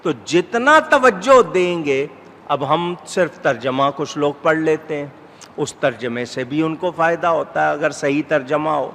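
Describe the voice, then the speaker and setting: A middle-aged man preaches with a slightly high, carrying voice. He speaks in measured phrases that swell into emphatic urging. The sound rings through a large hall over a faint background hum. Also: expressive, vocal fry, a bit bright. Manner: measured, rising to emphatic exhortation. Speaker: Islamic scholar. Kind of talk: sermon.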